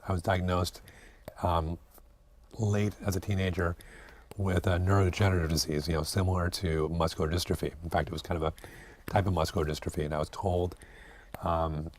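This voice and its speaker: A man's voice: deep voice, darkish tone, a little hiss or hum. A man in his late forties, an acupuncturist guest speaking reflectively in an interview, hesitant with many fillers and restarts. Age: 40s.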